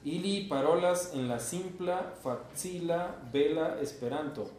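A man's voice: on the high side, darkish tone, a little hiss or hum. A man with a Mexican Spanish accent teaching an Esperanto class, patiently quizzing his students and translating phrases into Spanish. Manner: slow, patient, asks the class questions. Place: university classroom. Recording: echoey classroom recording.

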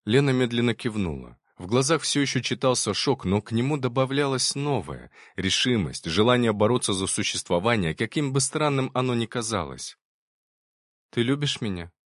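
A man narrating an audiobook in a calm, even storytelling manner. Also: mid-range voice, fairly quick, hardly any pauses, no echo, studio quality. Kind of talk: audiobook reading.

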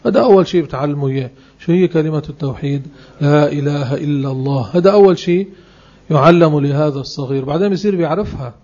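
Male religious teacher, emphatic and slow on key phrases, fairly high voice on a dull recording. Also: mellow. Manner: emphatic, spells out phrases slowly word by word. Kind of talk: religious lesson.

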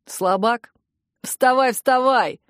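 A raging young man bellows threats in a high, strained voice, as a woman reader puts him on. He is hot-headed and protective of his sister. The sound is dry and close, an audiobook scene. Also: slow pace, clean tone, dry recording. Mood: furious. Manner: shouting, aggressive.

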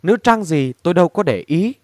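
A man's voice: high voice, lively intonation, brisk, darkish tone, dry recording, clean studio sound, pitched above the performer's own voice. A man reading as an irritable father. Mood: gruff. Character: gruff middle-aged father, irritable.

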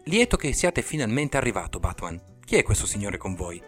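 A man's voice: lowish voice, big pitch swings, a little fast, faint music behind. A man voicing a jovial middle-aged police commissioner, chatty and fussy over directions. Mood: genial.

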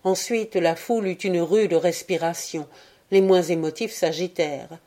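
A woman narrates an audiobook in an unhurried, deliberate way. Her voice sits a little low and sounds soft and dark. Each phrase is given space. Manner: slow, measured reading. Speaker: audiobook reader. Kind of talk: scripted narration.

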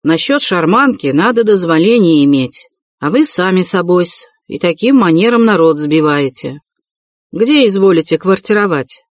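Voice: medium pitch, lively intonation, moderate pace, dry recording, studio quality, lightly acted. A reader voicing a stern, officious male city policeman in an audiobook reading. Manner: curt, officious.

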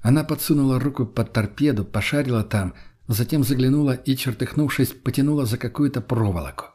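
A man narrating an audiobook in the first person, steady storytelling in a husky voice. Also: medium pitch, fairly quick.

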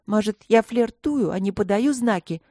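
A brash young dwarf mage girl, as a woman reader puts her on, tipsy and excitable, talking loudly and well above the reader's own pitch. Her words slur a bit, and the sound is dry and close. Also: normal speed, dry recording, lightly acted. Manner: high, loud, excitable, slurring.

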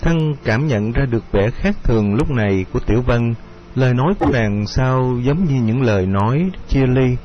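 A man narrating an audio story in a slow, measured, melancholy reading. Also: medium pitch, lively intonation. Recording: dull lo-fi audio with music.

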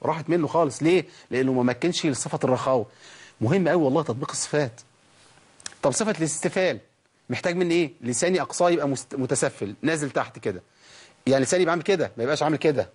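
Teaching tajweed, a Quran recitation teacher with an Egyptian Arabic accent quizzes the class and then answers for them, drawing out each letter sound slowly to model it. His voice sits a little high and has a breathy edge.

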